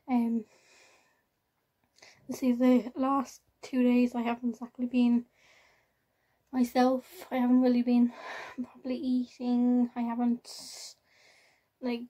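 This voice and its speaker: A young woman with an Irish accent chats casually to her vlog viewers in a rambling, halting way, often repeating herself. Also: fairly high pitch, mellow, dull audio. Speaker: vlogger. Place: at home, in a room.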